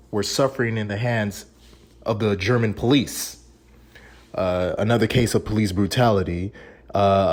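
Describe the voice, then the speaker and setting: A man's voice: fairly low pitch, darkish tone. A man hosting his own video, giving casual, emphatic commentary and repeating his key phrases. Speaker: video host.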